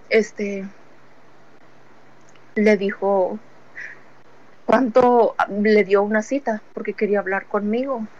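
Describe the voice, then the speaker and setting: A woman tells her personal faith testimony in a slightly high voice, full of feeling. She retells each conversation step by step, quoting what was said to her. The sound is somewhat dull and lo-fi. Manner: retells events with many quoted conversations, repeating "he told me"; earnest and emotional. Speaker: testimony giver.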